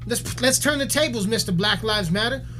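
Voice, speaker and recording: A man's voice: sits high, normal speed, pushed and bright. Guy going off in a rant video, cussing every other word, repeats himself a lot, some faint music in the back. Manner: heated, swears constantly, repeats himself. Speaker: musician ranting on camera.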